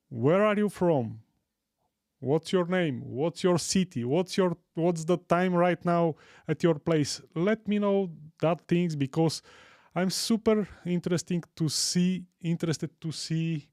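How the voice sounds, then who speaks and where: A Bulgarian man in his forties hosting a live tech stream, enthusiastic and warm toward viewers, often repeating himself as he goes. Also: fairly high pitch, smooth, dry recording, clean studio sound. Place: home studio room. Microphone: studio mic on boom arm.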